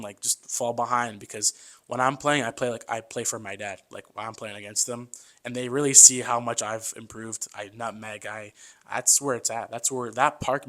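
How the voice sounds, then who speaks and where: A young man in his twenties, a podcast guest in a relaxed, casual conversation. He is chatty and loose, often calling the host "man". He tells his stories with some life, acting out the voices of the people in them. His voice sits at a middle pitch. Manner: lively storyteller who acts out quoted voices.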